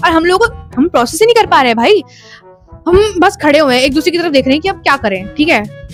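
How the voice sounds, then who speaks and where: A woman's voice: sits high, expressive, quick pace, soft background music. A woman telling a personal story to her phone camera in a chatty way, mixing English into her speech and often checking in with her listeners. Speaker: storytime vlogger. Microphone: phone front camera.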